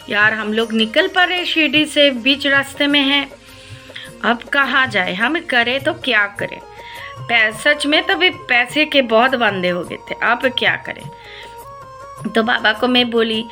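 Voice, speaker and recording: A woman vlogger recounts her own story to her viewers at an unhurried pace. Her voice is bright and a little high, and she hesitates often, filling pauses and dropping in English words. Faint music plays underneath. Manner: slow, hesitant, with many filler sounds and English words mixed in. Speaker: devotional vlogger.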